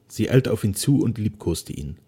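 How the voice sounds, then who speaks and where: A man reading a serialized novel aloud in slow, measured narration. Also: fairly low pitch, animated, vocal fry, warm tone, breathy edge. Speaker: audiobook reader.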